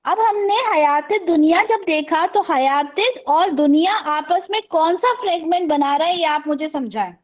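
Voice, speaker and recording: A woman teaching an Arabic grammar class over a video call, patiently quizzing her students and slowly repeating terms. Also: extremely high pitch, narrow, tinny audio. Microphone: video call microphone.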